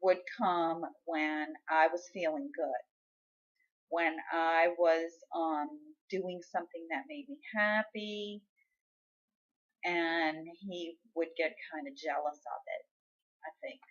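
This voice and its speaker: A woman's voice: sits low, takes it slowly, highs cut off. A woman vlogger telling a personal story in a frank, candid and exasperated way. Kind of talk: casual personal storytelling to camera.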